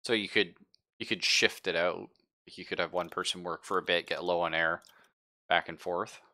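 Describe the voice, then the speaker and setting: During a live-streamed tabletop roleplaying session, a man serving as game master describes things conversationally and haltingly, thinking aloud. His voice is low-pitched and steady, with a sharp tone.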